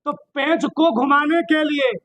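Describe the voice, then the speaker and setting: A man's voice: very high voice, fairly even intonation, measured pace, fairly bright tone, no room sound, rough recording. A male physics teacher, giving a classroom lecture, repeating points and quizzing his students with questions.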